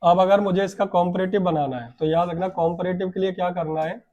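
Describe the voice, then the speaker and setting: Man, teacher, high-pitched voice, grammar class, quizzes students, stretches out key words. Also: brisk, dark tone, dull audio. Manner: asks students questions and answers himself.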